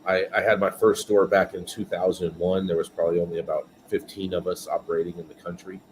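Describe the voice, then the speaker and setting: A man in his forties from California tells his story as a podcast guest, speaking earnestly with frequent fillers. His voice is very low, and a clear noise runs under the remote recording. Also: little pitch movement, quick pace. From California, USA. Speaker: podcast guest, business owner. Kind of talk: casual interview chat.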